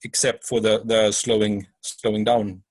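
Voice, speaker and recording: Brief: a man with a husky voice in a dry, close recording, hesitant and halting as he asks a question. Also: on the low side, little pitch movement, dry recording. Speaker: audience member asking a question.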